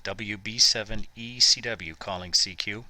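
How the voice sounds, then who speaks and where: A man calling CQ on ham radio, repeating his call sign in the phonetic alphabet in a steady rhythm. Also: on the low side, measured pace, slight background noise.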